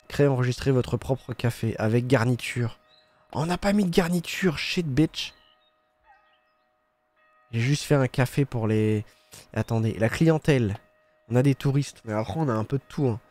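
A man's voice: mid-range voice, warm tone. A young man giving casual, joking commentary as he plays a game, sarcastic, swearing freely and humming little sound effects. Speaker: gaming streamer. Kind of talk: casual let's-play commentary.

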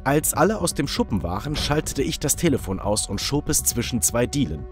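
A man reading a first-person story as scripted narration with an animated, expressive delivery. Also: medium pitch, brisk, faint music behind.

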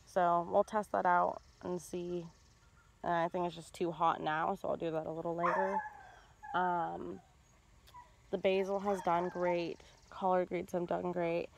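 A woman's voice: lowish voice, unhurried, gravelly, noisy background. Chatty woman touring her garden. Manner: relaxed, chatty, frequent ums. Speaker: home gardener vlogger. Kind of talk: casual garden tour narration. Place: outdoor garden. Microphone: handheld phone camera.

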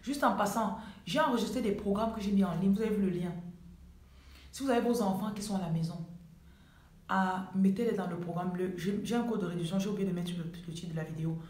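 A woman's voice: medium pitch, fairly quick, darkish tone. Woman, Cameroonian French accent, life coach, live-streamed talk from home, emphatic, repeats phrases, echoey room.

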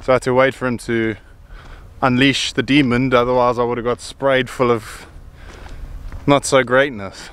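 This is a casual walking vlog recorded outdoors on a hillside, where a middle-aged man holds his phone and rambles excitedly. He speaks at a normal speed with a medium, level pitch and a smooth, fairly bright tone.

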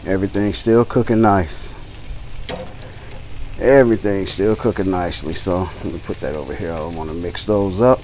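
A barbecue vlogger chats with viewers while he grills outside next to a backyard grill, his low, slightly mellow voice folksy and unhurried as he calls them "y'all" and "guys" and often repeats himself. The audio is poor, with outdoor noise and a faint sizzle.

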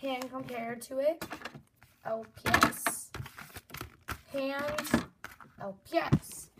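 A young woman with a high voice chats casually as she unboxes toys for her channel. She is excitable and gushing, circling back to the same phrases, on a noisy home recording with clear background hiss and clicks. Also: extremely slow. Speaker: host of a toy unboxing channel. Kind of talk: casual toy unboxing chat. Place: indoors, close over a tabletop toy set.

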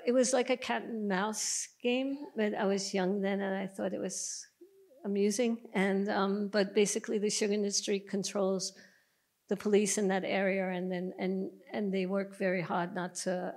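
A middle-aged woman speaks into a handheld mic on a museum panel stage, recounting her past work at length. Her pitch stays flat and even, and she keeps circling back with fillers and restarts. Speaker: documentary filmmaker, panelist. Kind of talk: panel discussion, storytelling. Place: museum auditorium stage, seated panel before an audience. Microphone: handheld microphone.

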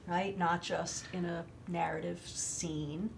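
Slow, gravelly woman discussing poetry. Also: fairly low pitch, fairly even intonation, background noise. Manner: enthusiastic and scholarly, laughs often. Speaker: host of a poetry discussion show. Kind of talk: conversational literary discussion. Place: studio set, indoors.

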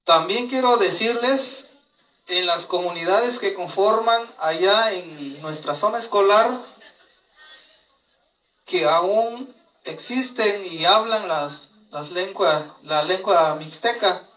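A man giving a language lesson, spelling out words slowly, each followed by its translation. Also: sits high, pushed and bright, roomy sound, distant mic, low-quality recording. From Mexico. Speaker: teacher of Mixtec.

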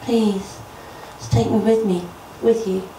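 A woman's voice: mid-range voice, fairly even intonation, slow pace, warm tone, slight background noise. A woman voicing a sly male snake who begs weakly, saying he is dying. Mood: begging. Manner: begging, weak. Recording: roomy, voice from a distance.

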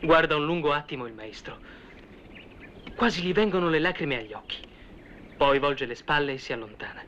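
An eager, bright-voiced disciple. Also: male voice, on the high side, fairly quick. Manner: lively, conversational storytelling with asides. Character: eager male disciple recounting events to listeners. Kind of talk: 1970s film drama. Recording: dull old film soundtrack with faint hiss.

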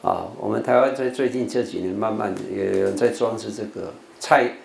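An older man, a monk with a Taiwanese Mandarin accent, leads a class through English words and keeps calling for repeats. His voice has a gravelly edge. It is recorded in a roomy hall with a faint hum of background noise. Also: fairly low pitch, a little fast. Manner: leads call-and-response drills, slips into Taiwanese Hokkien. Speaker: Buddhist monk teaching English. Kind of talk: televised vocabulary lesson.

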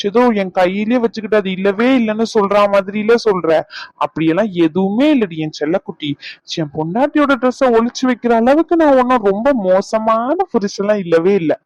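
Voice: mid-range voice, darkish tone, no echo, lo-fi sound, natural voice. A performer voicing a playful young husband who teases his wife in a cartoon. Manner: playful, coaxing. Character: teasing, affectionate young husband.

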